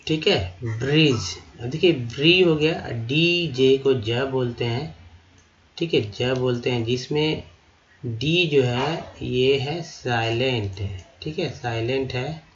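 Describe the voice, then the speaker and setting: A man teaching English vocabulary in a slow lesson, sounding out each word syllable by syllable and repeating it. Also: medium pitch, dull audio, a little hiss or hum. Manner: repeats words syllable by syllable, addresses viewers as friends.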